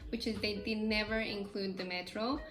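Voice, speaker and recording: A woman's voice: mid-range voice, moderate pace. A woman with a French accent, telling stories and reacting in a casual, exclamatory way. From France. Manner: animated, exclamatory storytelling. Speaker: host, reacting to a series. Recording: roomy echo, faint background music.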